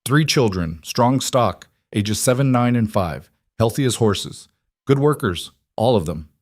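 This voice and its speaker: A man's voice: mid-range voice, expressive, a little slow, dry recording, studio quality. A man doing a brash, weasel-faced frontier auctioneer. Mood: hawking. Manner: loud hawking patter.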